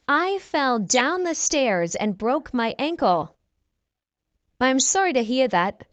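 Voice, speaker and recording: Reading practice dialogues aloud for learners, this female English teacher delivers everyday lines slowly and clearly, repeating every exchange without hurry. Her pitch sits high and varies widely, and there is no room sound.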